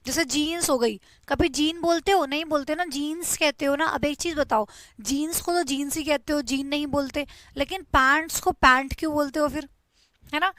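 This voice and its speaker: A woman's voice: high voice, normal speed, a bit bright, no echo. A young woman teaching English grammar in Hindi, explaining patiently and repeating each word for her students. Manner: explains patiently, repeats words, drills spellings. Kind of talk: Hindi-language grammar lesson.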